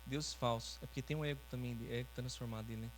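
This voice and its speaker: A man's voice: medium pitch, steady tone, fast, poor audio. A man preaching as pastor, teaching in a conversational way and often checking in with his listeners. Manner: conversational, often ends phrases with "né?". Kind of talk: teaching sermon with congregation interaction. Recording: faint mains hum.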